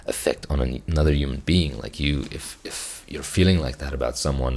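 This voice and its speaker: A musician whose first language is Afrikaans gives casual reaction commentary on songs. His very deep, gravelly voice is hoarse and strained, and he sounds reflective and hesitant, restarting often.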